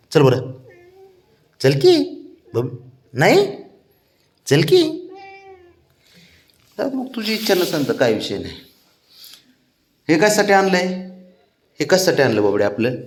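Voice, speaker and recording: A man talks to his cat in cajoling, affectionate baby talk. His pitch is animated, leaping high and dropping low as he coaxes. The voice sits at a middle pitch for a man. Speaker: cat owner. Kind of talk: coaxing talk to a pet cat.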